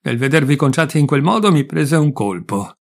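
A man with a gravelly voice reading the lines of a fond, talkative elderly mother in an audiobook story. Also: on the high side, animated, moderate pace. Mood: reminiscing. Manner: gentle, reminiscing, affectionate.

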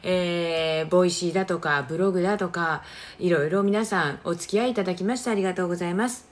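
She talks fast in a lowish voice: a middle-aged woman from Kagoshima, Japan, with the local accent. On her casual phone livestream she reads out viewer comments and welcomes people by name.

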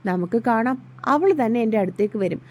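Cruel scheming ex-husband, read by a woman narrator, storybook drama, warm mellow tone. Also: on the high side, animated, quick pace. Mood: menacing.

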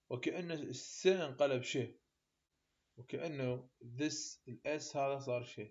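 A man with an Iraqi Arabic accent tutoring university English, explaining sound changes and repeating example words slowly and deliberately. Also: mid-range voice. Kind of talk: explaining a linguistics lecture. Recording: slightly dull lo-fi recording.

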